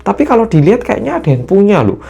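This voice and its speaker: A man's voice: sits high, sing-song, fast, vocal fry, mellow, slightly rough, dull audio, voice pushed up, exaggerated voice. A man with a Korean accent voicing a curious young female intern who asks eager, nosy questions.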